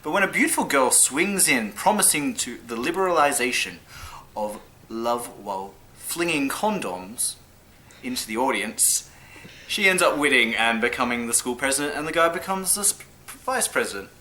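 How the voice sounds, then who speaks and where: A man with a bright, forceful voice chats casually about shows with friends. He is playful, laughs a lot, and stumbles over long foreign titles. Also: medium pitch, expressive, normal speed, slight background noise, poor audio. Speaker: co-host of an anime discussion channel. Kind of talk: casual chat.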